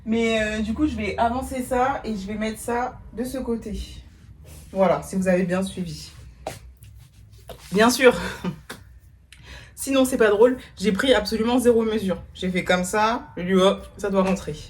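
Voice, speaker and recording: A woman's voice: mid-range voice, unhurried, pauses often, a little hiss or hum, rough recording. Chatty young woman vlogging at home. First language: not English. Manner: chatty, self-mocking, slangy asides. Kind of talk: casual vlog chat. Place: bedroom at home.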